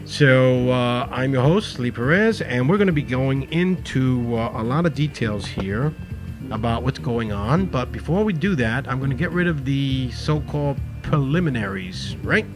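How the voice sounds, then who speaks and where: A man hosting his own show in a rambling, informal and opinionated monologue, halting and then stressing words emphatically. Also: medium pitch, animated, music in the background. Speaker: host of a local online show.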